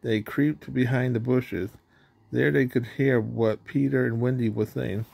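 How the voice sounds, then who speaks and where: A man's voice: mid-range voice, fairly even intonation, measured pace, vocal fry, a little mellow, slightly rough. A man reading a children's storybook aloud in a plain manner, stumbling now and then and correcting himself. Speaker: storybook reader.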